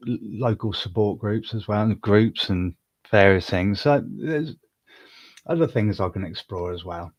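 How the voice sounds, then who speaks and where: A man hosts a casual livestream from his home, talking to himself as he goes. His pitch rises and falls a lot, and he rambles with fillers and restarts. He sounds like he's speaking into a computer mic. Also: no room sound. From England. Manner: coos softly at his cat. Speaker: livestream host. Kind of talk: casual solo livestream chat. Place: home room.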